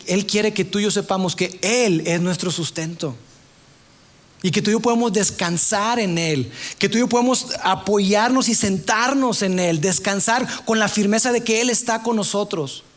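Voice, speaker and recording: A man preaching a sermon in an earnest way, sometimes dropping to a soft hush. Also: sits high. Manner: earnest, drops to a soft hush for tender passages.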